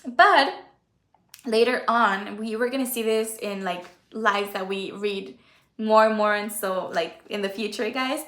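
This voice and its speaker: A Spanish-speaking woman with a medium-pitched, fairly bright voice hosts a casual Bible study livestream at an unhurried pace. She reads and comments in a chatty way, correcting herself and stumbling over names. The room sounds echoey.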